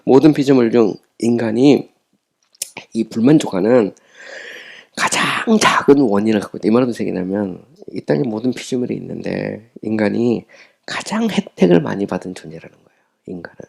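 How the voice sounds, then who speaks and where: Gravelly low-voiced man lecturing. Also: animated, darkish tone. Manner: reads English lines slowly, then explains in Korean with frequent tag questions. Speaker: professor teaching a theology text. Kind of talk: lecture reading an English text aloud.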